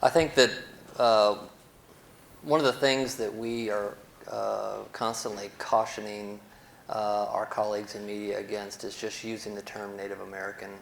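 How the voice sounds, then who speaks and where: A man answering as a panelist, halting and hesitant with fillers between phrases. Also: lowish voice, level tone, gravelly, slight background noise. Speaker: panelist journalist. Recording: roomy hall echo, faint ambience.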